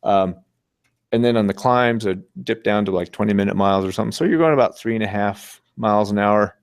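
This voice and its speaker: Easygoing man telling a story, fairly low voice. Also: a little fast, smooth, no room sound. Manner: easygoing, rambling, chuckles often. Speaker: speaker giving a talk. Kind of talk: casual storytelling presentation with slides.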